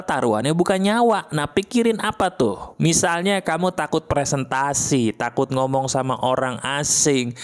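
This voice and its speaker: A man giving a casual motivational talk. He fires rhetorical questions at the listener and acts out their objections in a higher voice. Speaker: motivational speaker.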